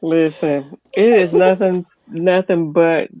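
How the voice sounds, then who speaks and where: A woman's voice: fairly low pitch, steady tone, slow pace, dark tone, no echo. A woman guest in a casual chat, responding easily and laughing along.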